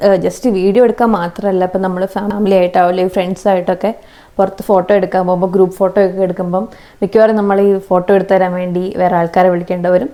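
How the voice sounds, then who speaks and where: A woman's voice: lowish voice, level tone, very fast, warm tone. A young woman, chatting casually as she reviews budget video gear, explaining each item step by step. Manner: chatty, explains step by step, tags sentences with "kettō". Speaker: YouTuber. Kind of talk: casual product review vlog. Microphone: phone camera, plug-in mic at times.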